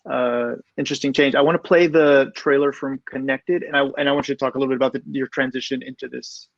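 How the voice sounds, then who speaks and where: A man's voice: mid-range voice, steady tone, quick pace, no echo. A man moderating a panel over a video call, hesitant and often repeating his words. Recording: dull lo-fi call audio, dry.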